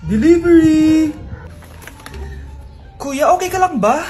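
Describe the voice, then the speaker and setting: Brief: very high-voiced woman, over-the-top skit acting, shrieks and shouts. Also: moderate pace, reverberant, soft background music. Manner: shrill, dramatic, often shouting. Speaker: comedy skit creator.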